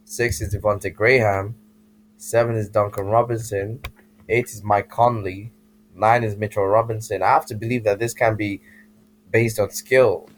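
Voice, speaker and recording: A young man co-hosting a casual sports chat, speaking in a dry, measured way. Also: lowish voice, fairly even intonation, slight background noise, rough recording. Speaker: podcast co-host.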